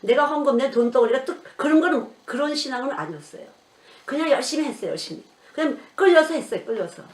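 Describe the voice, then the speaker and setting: An older woman preaching a sermon as a children's missionary, telling stories and acting out the voices of the people she quotes. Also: mid-range voice. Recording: echoey room, voice from a distance.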